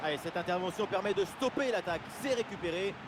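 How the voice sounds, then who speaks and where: A man giving excited football commentary as play-by-play, with exclamatory calls. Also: high voice, fast talker. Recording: loud stadium-like background noise.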